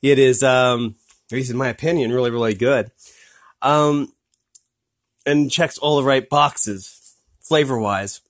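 In a casual, off-the-cuff food review vlog, a man behind his phone camera discusses a snack a little slowly, pausing often. His middle-pitched voice stumbles through ums and restarts as the product reviewer loops back again and again to calling it "really, really good."

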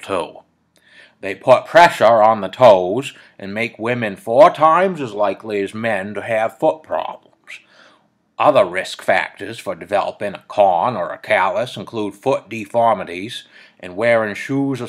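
A man with a Downeast Maine accent reading an article aloud in a folksy manner. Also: on the low side.

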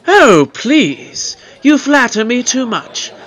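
A man's voice: very high-pitched, big pitch swings, takes it slowly, fairly bright tone, full character voice. A man voicing the Doctor as a fussy, theatrical time-traveller who scolds his companion.

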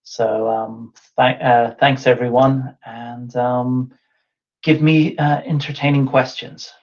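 This invited speaker, a man in his thirties, presents online and fields questions via webcam, working through his thoughts with false starts and filler words. His mid-range voice is flat and slow. The dull, lo-fi call audio comes from an indoor room fitted with a whiteboard.

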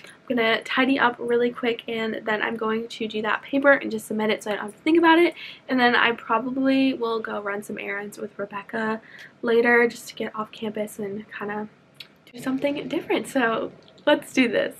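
A woman's voice: on the high side, fairly quick, a bit bright, a little hiss or hum. A young woman and college student vlogging her day in casual, upbeat chat, full of "like" fillers, filmed on a handheld camera in her dorm and around campus. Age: young adult. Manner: chatty and upbeat, with frequent "like" fillers. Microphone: handheld camera held close.

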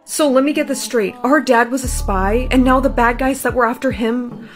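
A woman acting out short comedy and drama skits in a lively, expressive way. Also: sits high, moderate pace. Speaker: skit actor. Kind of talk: TikTok skit acting. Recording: music playing underneath.

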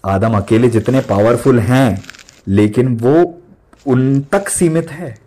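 A man's voice: mid-range voice, slow pace, mellow. A young man in his twenties preaching an emphatic sermon as a pastor, mixing in English words and repeating lines for stress.

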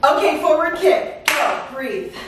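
A middle-aged woman coaching a workout as an energetic, encouraging aerobics instructor, exerting herself as she calls out cues and countdowns. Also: high-pitched, slow. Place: living room at home, indoors. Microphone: far camera. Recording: echoey room, far microphone, faint noise.

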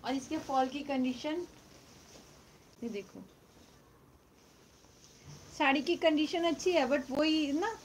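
A middle-aged woman selling used silk sarees on a live stream from home, speaking loudly into her phone and repeating the prices. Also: high voice, slow, pauses often, a little hiss or hum. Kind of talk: live-stream sales chat. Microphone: phone mic, no external microphone.

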